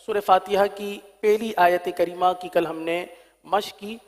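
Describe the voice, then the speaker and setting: High-voiced man teaching recitation. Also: steady tone, long reverb tail. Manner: explains briskly, then chants verses slowly and drawn out. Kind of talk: tajweed lesson with chanted demonstrations.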